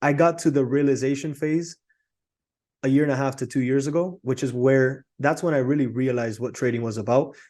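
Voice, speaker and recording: Relaxed Cuban-born young man guest. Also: mid-range voice, fairly quick. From Cuba. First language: Spanish. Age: 20s. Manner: relaxed, chatty, laughs easily, many "like"s. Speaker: guest, trader. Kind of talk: casual podcast interview.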